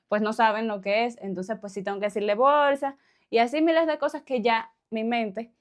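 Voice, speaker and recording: A woman from Cuba with a Cuban accent, chatting casually to her viewers, laughing often and tossing in little questions. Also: a little high. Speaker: vlogger. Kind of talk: casual chat to camera.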